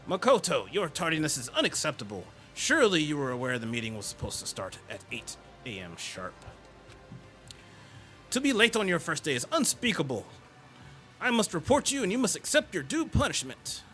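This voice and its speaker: A man's voice: a little high, wildly swooping pitch, moderate pace, sharp tone, soft background music, voice pushed up, full character voice. A man voicing a stern, rule-obsessed male student from a video game in a pompous, formal, emphatic manner. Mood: stern indignation.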